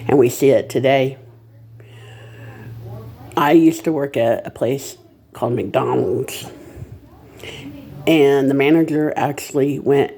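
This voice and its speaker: Casting: amateur vlogger, mid-pitched voice, unhurried delivery, casual but nervous, halting and rambling. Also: darkish tone, husky. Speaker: reseller making a first video. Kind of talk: casual vlog monologue.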